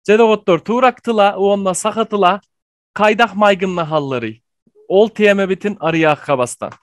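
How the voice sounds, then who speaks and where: A man giving an online language lesson, explaining slowly with frequent pauses and fillers. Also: sits high, no room sound. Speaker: language teacher.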